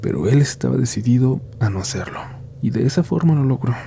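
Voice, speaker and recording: A Mexican man hosting and narrating scripted horror stories in Spanish with a Mexican accent, in a grave, suspenseful, hushed manner with dramatic pauses. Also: medium pitch, expressive, creaky, slight background noise. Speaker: horror story podcast host and narrator.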